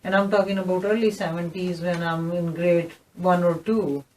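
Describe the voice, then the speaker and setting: A woman's voice: fairly low pitch, fairly even intonation, moderate pace, darkish tone. A woman in her fifties with a Pakistani accent, telling her story earnestly as an interview guest. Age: 50s. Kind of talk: recorded interview testimony. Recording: voice somewhat distant from the mic.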